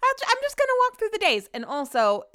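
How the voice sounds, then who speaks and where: Speaking in a very high, sharp voice with huge pitch swings and a brisk pace, a young American woman hosts her own podcast. She chats in slang, recounts stories and animatedly quotes herself and others, with a slight slushy lisp on s sounds, in studio-quality audio with no room sound.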